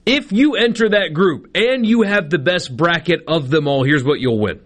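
A man's voice: a little high, expressive, moderate pace, fairly bright tone. An American man hosting live sports talk radio in a casual, conversational way, spelling out details for listeners.

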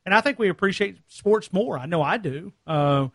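A man's voice: sits high, lively intonation, normal speed, no room sound, clean studio sound. A man from North Alabama co-hosting a sports radio show, chatting casually, laughing and restarting his words.

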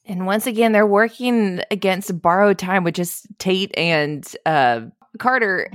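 A woman co-hosting a casual TV recap podcast, chatting in an excitable, gushing way. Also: medium pitch, measured pace, dry recording, clean studio sound. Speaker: podcast co-host.

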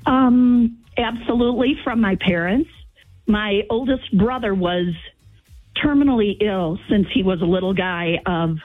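A middle-aged woman from Wisconsin calling in, telling family stories in a slow, halting, emotional way. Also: medium pitch, no room sound, soft background music. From Wisconsin, suburb of Milwaukee. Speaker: caller, sibling of the late host. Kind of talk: phone-in tribute storytelling. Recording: dull lo-fi phone-in call.

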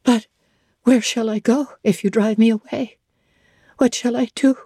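A woman's voice: on the high side, fairly even intonation, unhurried, warm tone, husky, no echo, studio quality, pitched above the performer's own voice. A woman voicing a desperate, exhausted young woman wanderer, pleading and faltering as she speaks.

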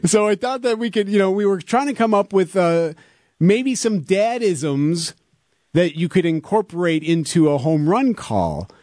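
A man works as a morning radio host in a close, dry studio sound. His voice sits a bit high for a man, and he chats in an easy, teasing interview style. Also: lively intonation, unhurried, darkish tone, no room sound. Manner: joking, teasing. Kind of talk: casual bantering radio interview.

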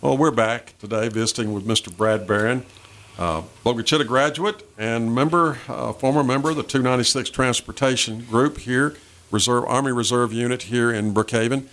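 A man with a Southern US accent hosting a conversational radio interview, halting and repeating phrases as he goes. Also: medium pitch, fairly bright tone.

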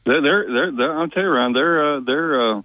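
A man's voice: on the high side, moderate pace, dry recording. Stammering male caller on a phone. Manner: stammering, repeats words. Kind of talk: call-in talk radio. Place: outdoors in a yard. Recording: tinny phone line.

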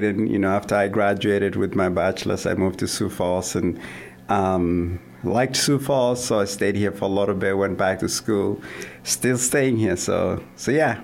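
A man answers interview questions in a studio, picking his words with frequent pauses and restarts. His voice sits low and carries a gravelly fry. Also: darkish tone. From Kenya. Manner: hesitant, many fillers and restarts. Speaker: guest, runner and coach. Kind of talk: casual interview talk.

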